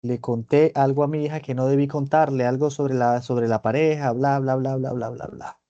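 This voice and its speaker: A man presenting a clinical case in a seminar, talking it through in a measured, reflective way and often checking in with his listeners. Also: medium pitch, fairly even intonation, mellow, dry recording, dull audio. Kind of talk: seminar lecture, thinking aloud. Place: online meeting.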